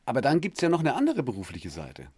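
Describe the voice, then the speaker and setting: A man's voice: medium pitch, wildly swooping pitch, fast talker, darkish tone, breathy edge, no echo. Guy hosting a radio talk, bouncy teasing questions, dry booth sound. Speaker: radio host. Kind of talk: radio interview.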